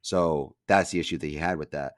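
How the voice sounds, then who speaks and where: A man's voice: extremely low pitch, fairly quick, dry recording, clean studio sound. A young man hosting a podcast, telling a rambling story in casual chat, full of fillers and casual swearing. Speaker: podcast host.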